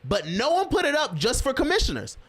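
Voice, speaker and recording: A man co-hosting a casual podcast about local politics, talking in an emphatic, animated way and laughing often. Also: extremely high pitch, a little fast, slightly rough. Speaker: podcast co-host.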